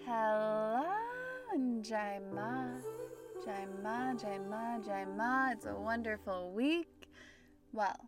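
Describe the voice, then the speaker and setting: A woman's voice: on the high side, steady tone, slow, over music. A woman with a standard American accent, talking casually and reflectively as the host of a spiritual podcast.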